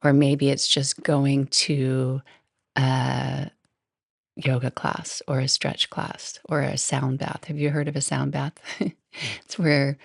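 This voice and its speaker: A woman's voice: rumbling low, level tone, slow, vocal fry, dry recording, clean studio sound. A woman hosting her own podcast, groggy and half awake, talking loosely and unprepared with laughs and restarts. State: groggy, just woken up. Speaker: podcast host. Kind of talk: casual solo podcast talk.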